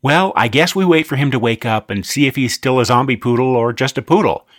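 A man voicing an eager, excitable young boy in a storybook reading. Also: mid-range voice, brisk, no room sound, studio quality, lightly acted.

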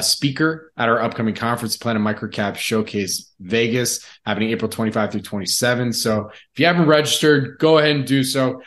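A man's voice: mid-range voice, fairly bright tone. Male podcast host, scripted announcer delivery. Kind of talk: scripted podcast intro and disclaimer read.

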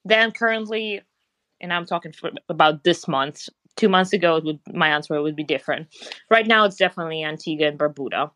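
Russian-accented woman guest, lowish voice, dry close mic, measured explainer. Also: fairly bright tone, no echo. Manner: explanatory, businesslike, some grammar slips. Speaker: guest, passport business founder. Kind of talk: conversational podcast interview.

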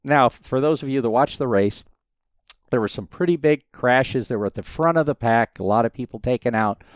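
A man in his fifties tells stories as a podcast guest, his voice smooth and resonant on a dry, close recording. He rambles with plenty of restarts but keeps the telling lively. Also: medium pitch, fairly quick, no echo. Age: 50s. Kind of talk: casual storytelling interview.

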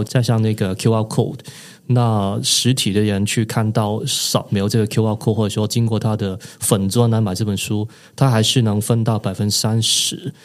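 A man, an author and podcast guest, explaining his ideas thoughtfully with frequent pauses. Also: lowish voice, darkish tone. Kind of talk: podcast interview.

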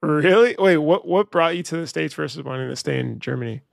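A man hosting a podcast, introducing the show and asking curious, quick follow-up questions. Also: on the high side, creaky, dry recording, clean studio sound. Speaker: podcast host. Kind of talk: casual interview hosting.

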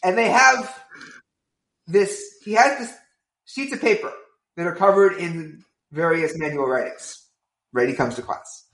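A man telling a long anecdote as a podcast guest, rambling and filling pauses with "like" and "right?". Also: fairly high pitch, echoey room. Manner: animated, rambling, many fillers like "right?". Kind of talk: casual storytelling.

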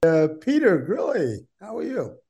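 Older guy hosting a call, calling on people one by one, slowish, higher voice. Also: wildly swooping pitch, vocal fry, warm tone. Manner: brisk, calls on guests by name. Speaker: host. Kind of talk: hosting a video call introduction round.

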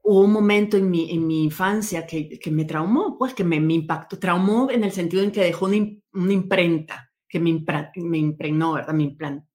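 Low-voiced earnest woman guest. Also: fairly quick, hardly any pauses, a little mellow. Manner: thoughtful, earnest, self-correcting. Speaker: interview guest. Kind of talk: conversational interview.

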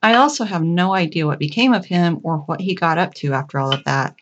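A woman's voice: lowish voice, fairly quick, muffled recording, slight background noise. A middle-aged woman telling a personal story in a wry, dry way.

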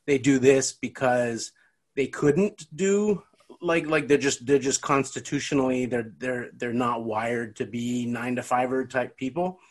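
A man's voice: mid-range voice, steady tone, a little slow. Man, canadian accent, podcast host, casual chat, rambling, restarts. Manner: rambling, restarts and repeated words.

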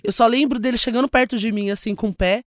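Fast-talking São woman comedian. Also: a little high, dry recording, clean studio sound. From São Paulo, Brazil. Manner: animated, laughing storyteller acting out quotes. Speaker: comedian guest. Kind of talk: casual interview storytelling.

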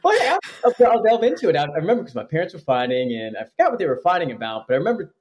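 A man in a conversational podcast interview, his slightly high voice rising and falling with lively energy. He talks earnestly, restarting phrases as he works through his thoughts. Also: rapid-fire, dull audio. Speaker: psychologist guest.

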